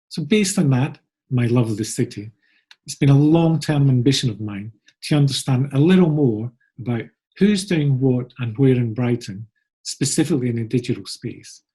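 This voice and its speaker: A middle-aged man from Scotland presents a friendly, upbeat pre-recorded conference talk about the agency he co-founded. His mid-range voice is mellow and slightly rough.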